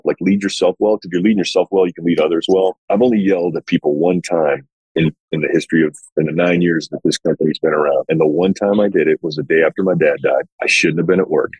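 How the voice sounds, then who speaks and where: Deep husky-voiced man, emphatic. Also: a little mellow, no room sound, low-quality recording. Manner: emphatic, folksy, repeats words. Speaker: guest business owner. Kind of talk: casual conversational interview.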